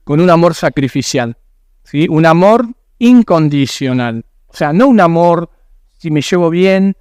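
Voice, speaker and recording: A man's voice: a little high, darkish tone, clean tone, no room sound, studio quality. A man with a Rioplatense Spanish accent preaching a sermon as a pastor in a church, earnest and emphatic, asking rhetorical questions.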